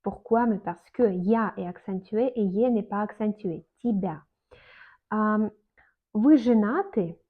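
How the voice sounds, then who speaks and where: A woman explains things in a casual video lesson, slowly and hesitantly, with many fillers and restarts. Her voice is narrow and tinny, as if heard over a phone line. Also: mid-range voice. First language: Russian. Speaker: Russian teacher.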